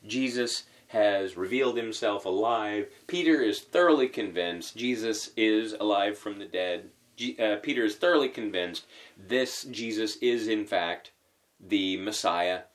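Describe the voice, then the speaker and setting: A man giving a conversational sermon, posing rhetorical questions and thinking aloud with fillers as he teaches. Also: lowish voice. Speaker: preacher.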